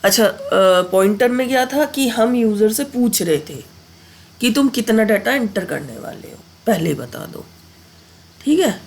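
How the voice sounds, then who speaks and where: A woman with a cold and sore throat teaches a casual Hindi coding lesson in a fairly high, animated, unhurried voice that's gravelly and a little mellow. She keeps checking in with her students using a rising "okay?"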